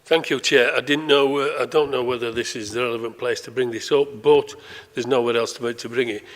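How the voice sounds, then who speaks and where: Halting man councillor, echoey room. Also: medium pitch, steady tone. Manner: hesitant, halting. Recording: echoey chamber.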